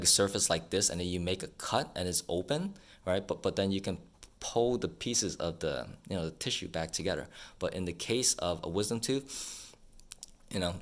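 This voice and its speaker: A man with a low-pitched voice talks like a clinician explaining something to patients. He is informal and unscripted, hesitating as he finds his words and often checking that the listener follows. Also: fairly bright tone. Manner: conversational, hesitant, checks in with "right?". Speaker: dental professional explaining to patients. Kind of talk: casual explainer with demonstration.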